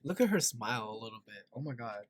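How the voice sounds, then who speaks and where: A man's voice: mid-range voice, animated, fast talker, a little hiss or hum. A man hosting a reaction video, joking through casual commentary and leaning into confiding asides that end in "right?".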